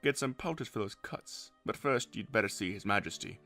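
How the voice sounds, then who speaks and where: In a fantasy audio drama, a man plays a loyal captain of the royal guard, kindly, deferential and full of avuncular concern. His forceful, bright voice swings widely in pitch, animated and fairly quick, in a gently conspiring mood over soft background music.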